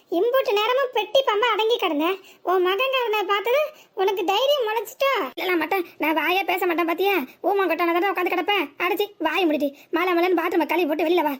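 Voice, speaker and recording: A woman plays a fretful old cartoon grandmother from a village who scolds in a southern Tamil Nadu accent. The voice sits very high and breaks into stammers when her worry grows. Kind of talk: cartoon voice acting.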